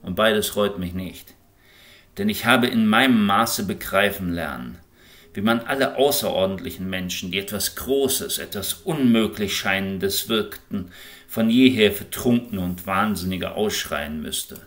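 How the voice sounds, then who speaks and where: A man reading an audiobook in an expressive, impassioned way. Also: lowish voice, unhurried. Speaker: audiobook reader. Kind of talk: scripted audiobook narration.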